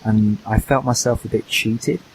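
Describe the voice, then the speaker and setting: A man co-hosting a casual gaming podcast, talking haltingly and restarting his sentences as he thinks. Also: on the low side, steady tone, slight background noise, low-quality recording. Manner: hesitant, restarts and repeats words while thinking. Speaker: podcast co-host.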